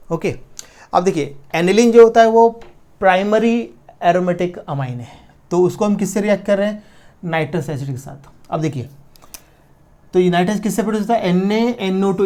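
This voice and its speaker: A man's voice: high-pitched, mellow. A man teaching an exam-prep chemistry lesson, explaining step by step and asking questions that he then answers himself. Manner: slows down to spell out formulas.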